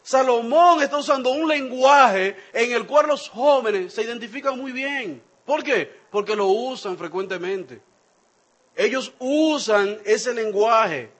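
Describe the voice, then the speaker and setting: Preacher guy, pretty high voice, lively, talks straight to the congregation. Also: takes it slowly. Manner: animated, acts out quoted speech with shifting voices; addresses the congregation directly. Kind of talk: sermon.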